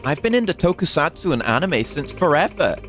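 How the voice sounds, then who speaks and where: A man's voice: fairly high pitch, big pitch swings, a little fast, fairly bright tone, faint music behind. A man voicing a trendy young woman who hides her nerdy side, reading game subtitles aloud in a light, playful voice. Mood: earnest. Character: trendy young woman, secretly a shy nerd.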